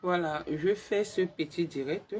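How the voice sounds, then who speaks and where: A woman hosting a casual live stream on her phone, talking quietly and in a hushed way. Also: on the low side, a little slow, slight background noise.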